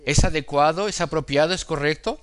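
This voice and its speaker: A man preaching a sermon, quoting scripture and acting out inner temptations, with slow, deliberate emphasis. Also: a little high, clear, resonant tone.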